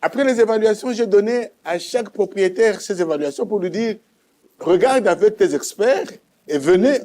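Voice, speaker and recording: Speaking with a Congolese accent, this man offers his religious testimony as a guest, his soft, mellow voice slightly high for a man. His storytelling is emphatic, with lively intonation, a moderate pace, and repeated points for emphasis.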